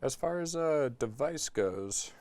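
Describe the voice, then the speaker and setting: A man's voice: a little high, takes it slowly. A man casually walking through a music production tutorial in his studio, talking into a talkback mic with lots of "like" and "um". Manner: relaxed, filler-heavy explaining with frequent "like" and "um".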